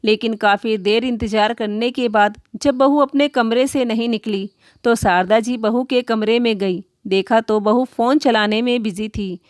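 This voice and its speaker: A woman narrates a moral tale in a steady, even, read-aloud manner. Her voice sits fairly high. The recording is close and dry, with no audible room. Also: measured pace, dry recording. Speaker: storyteller. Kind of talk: scripted storybook narration.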